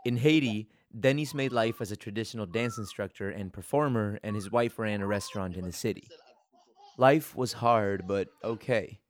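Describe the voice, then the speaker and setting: A man reporting and hosting, telling a documentary story in a steady, earnest way. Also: on the low side, moderate pace, no echo. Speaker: podcast reporter and host. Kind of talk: documentary podcast narration.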